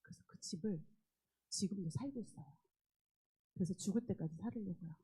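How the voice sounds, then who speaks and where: A middle-aged woman, a gospel singer, giving a church testimony with animated storytelling, acting out her own dialogue with exclamations. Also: mid-range voice, brisk, breathy edge, rough recording. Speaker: guest speaker, gospel singer. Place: church sanctuary.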